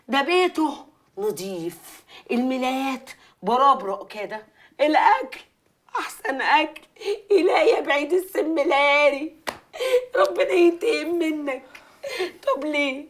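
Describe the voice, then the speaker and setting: An actress playing a betrayed newlywed wife with an Egyptian accent, shouting and sobbing. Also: female voice, high voice. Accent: Egyptian Arabic. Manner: wailing, shouting, sobbing outbursts. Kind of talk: Egyptian TV comedy drama.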